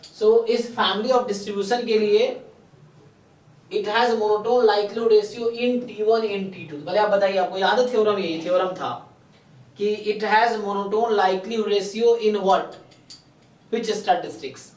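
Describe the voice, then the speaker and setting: A man giving a live statistics lecture, stepping through each idea slowly and often stopping to ask his students questions. He mixes English terms into Hindi with an Indian accent. The sound is roomy and a bit distant from the mic. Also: high-pitched. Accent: Indian English terms mixed into Hindi. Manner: slow, deliberate explanation with frequent checking questions. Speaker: statistics teacher. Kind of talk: live online exam-prep lecture.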